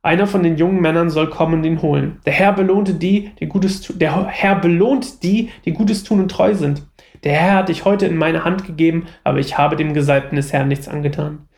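A man's voice: fairly high pitch, a little fast, darkish tone, lightly acted. A man voicing a devout young fugitive warrior, reading his lines earnestly and pleadingly.

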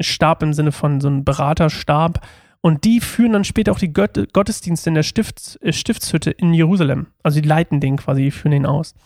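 A man hosts a casual Bible reading and commentary podcast. He talks in a chatty, loose way, often restarting mid-sentence, with a fairly high voice. The sound is close and dry. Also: darkish tone, no room sound. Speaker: podcast host.

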